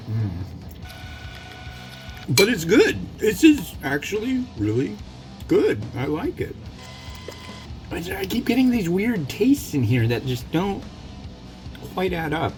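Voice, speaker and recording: A man with a mid-pitched voice reviews food casually over guitar music. He talks off the cuff as he eats, wandering into wry asides and tangents. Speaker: food reviewer and mukbang host. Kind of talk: casual rambling food review while eating.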